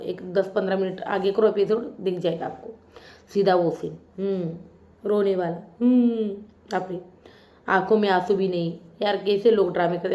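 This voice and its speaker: A woman's voice: mid-range voice, darkish tone, reverberant, highs cut off. A woman chatting casually as she reviews a reality show episode, teasing and mimicking the contestants.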